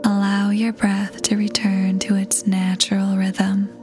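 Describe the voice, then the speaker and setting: Soft new-age music plays behind a woman reading a scripted guided meditation in a gentle, soothing, breathy near-whisper, with pauses between phrases. Her pitch is medium and her delivery completely flat.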